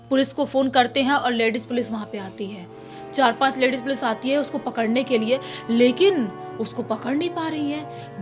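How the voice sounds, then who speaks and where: A woman tells a horror story in a casual, chatty way, circling back over her words as she goes. Her voice sits high, and soft music plays faintly underneath. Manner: chatty, repetitive, animated retelling. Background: faint background music.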